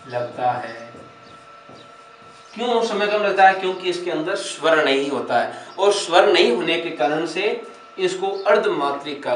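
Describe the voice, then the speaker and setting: A male teacher with a fairly high voice gives an exam-prep grammar lecture. He explains each point step by step, repeats key phrases and asks rhetorical questions. He is recorded in an echoey room with the mic set back from him. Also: a bit bright, far from the mic, slight background noise. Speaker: Sanskrit teacher.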